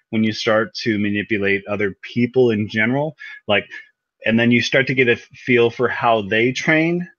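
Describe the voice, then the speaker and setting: A man's voice: lowish voice, a bit bright, no echo. Man, casual podcast chat, thoughtful, hesitant, muffled lo-fi recording, dry. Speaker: podcast co-host. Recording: dull lo-fi sound.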